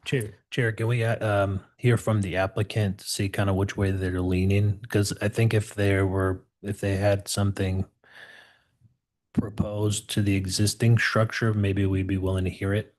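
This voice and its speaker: Deep, flat-voiced male board member. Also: moderate pace. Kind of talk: public meeting discussion.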